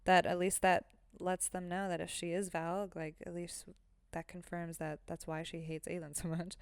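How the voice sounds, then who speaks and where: A woman's voice: fairly low pitch, flat delivery, normal speed, clean tone, no room sound, clean studio sound. A young woman co-hosting a casual book-club podcast, chatty and laughing often, full of fillers. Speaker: podcast co-host.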